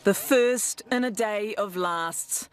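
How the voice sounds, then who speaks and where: A woman's voice: mid-range voice, slow pace. A woman with a New Zealand accent narrating a scripted television news report.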